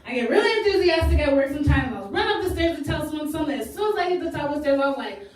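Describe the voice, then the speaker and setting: High-voiced woman in her 30s doing stand-up, lively voice, big echoey theater, sounds a bit far off. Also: racing. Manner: animated, acts out characters with big pitch jumps. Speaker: stand-up comedian. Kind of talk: stand-up comedy set. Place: comedy theater stage. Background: audience laughter.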